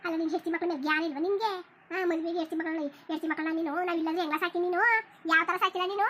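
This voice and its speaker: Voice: very high-pitched, steady tone, rapid-fire, a bit bright, a little hiss or hum. A cartoon voice of an elderly village mother, lamenting and scolding her son over and over. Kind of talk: cartoon voice acting.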